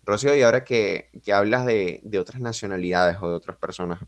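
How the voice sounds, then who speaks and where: A man's voice: fairly low pitch, a little fast, no echo. A Venezuelan man hosting a podcast interview, talking in a reflective, chatty way with some self-deprecating humor. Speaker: podcast host. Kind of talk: casual interview chat.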